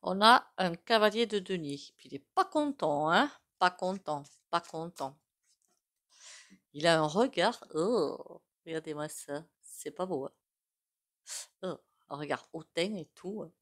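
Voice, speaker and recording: Her voice is on the low side, a bit bright and animated, at a measured pace. She's a tarot reader with a regional French accent doing a casual reading to camera, rambling chattily with plenty of fillers and asides to herself.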